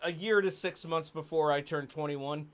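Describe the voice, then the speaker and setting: A man's voice: on the high side, steady tone, moderate pace. A man in his forties, a stream co-host, chatting casually with easygoing, wry humor. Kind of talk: casual chat.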